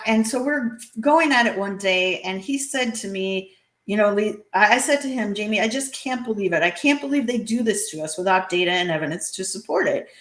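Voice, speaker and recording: A woman's voice: medium pitch, a bit bright, roomy sound. A woman being interviewed as an author, talking earnestly, with many fillers and restarts. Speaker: guest author. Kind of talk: interview conversation.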